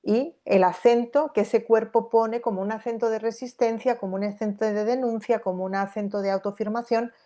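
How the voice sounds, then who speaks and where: Thinking aloud through an academic talk, a Spanish woman literature scholar uses lots of fillers and restarts and keeps asking the audience "¿no?". Her voice is warm and fairly high-pitched, with a steady tone and moderate pace, and she barely pauses.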